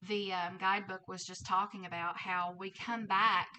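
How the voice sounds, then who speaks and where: A woman's voice: mid-range voice, level tone, normal speed, bright, forceful tone, a little hiss or hum. A woman with a thick Southern US accent gives a casual tarot reading, conversational and often checking in with her listeners. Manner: conversational, with frequent check-in tags like 'okay?' and 'right?'. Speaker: tarot reader and host.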